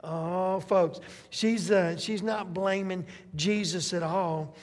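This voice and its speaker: A man's voice: sits high, fairly even intonation, slow. An older male pastor preaching a sermon, talking in a conversational way and throwing rhetorical questions at the congregation. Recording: long reverb of a large hall.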